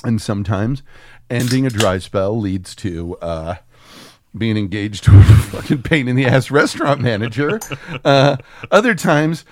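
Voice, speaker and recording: A man with a mid-range voice and lively intonation talks a little slowly as a podcast co-host, chatting casually about a film. His storytelling is crude and rambling, full of swearing. There is slight background noise.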